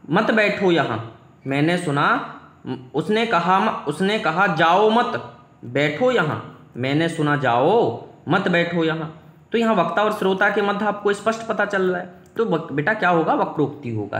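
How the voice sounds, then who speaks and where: A man's voice: sits high, a bit bright, reverberant. A male teacher giving an exam-prep grammar lesson, asking his students questions and answering them himself.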